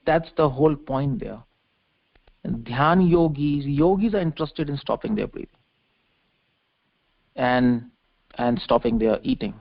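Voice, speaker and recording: Heard on a muffled, low-fidelity conference call, a man preaches an unscripted scripture lesson, repeating key phrases as he explains. He has a mid-range voice with vocal fry, and the audio carries no echo.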